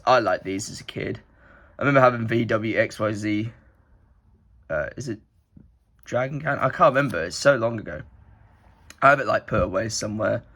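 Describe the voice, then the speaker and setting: Nasal from a head cold, this young man shows off his card collection in a rambling, casual vlog full of filler words. His voice is fairly low, gravelly and a bit bright.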